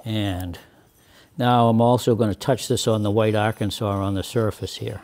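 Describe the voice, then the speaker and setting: A man in his sixties teaching woodworking in a workshop, explaining each step deliberately with many fillers and restarts. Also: fairly low pitch, fairly even intonation, darkish tone. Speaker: woodworking instructor. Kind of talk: hands-on demonstration.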